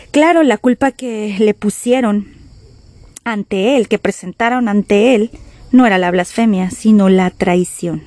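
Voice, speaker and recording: A woman's voice: mid-range voice, warm tone, no echo. A woman preacher delivering a sermon, with dramatic emphasis and rhetorical questions to her listeners.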